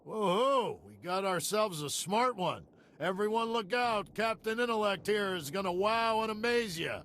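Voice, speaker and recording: A man's voice: high-pitched, lively intonation, normal speed, a bit bright, a little hiss or hum. An actor playing a cocky, sarcastic male gambling tout who taunts people in a video game. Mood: mocking. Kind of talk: video game character dialogue.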